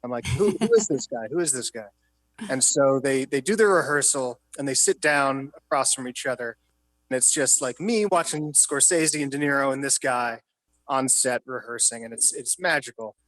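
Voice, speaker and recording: A man's voice: mid-range voice, moderate pace, fairly bright tone, no echo. A man in his thirties from New York City, a guest telling film-set stories in a casual, filler-heavy way and swearing now and then. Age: 30s. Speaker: guest, film industry worker. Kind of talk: casual storytelling interview. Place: his apartment.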